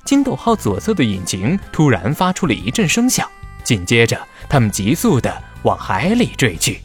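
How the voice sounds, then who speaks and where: A man narrating a scripted children's story in a dramatic, expressive way. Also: medium pitch, normal speed, faint music behind.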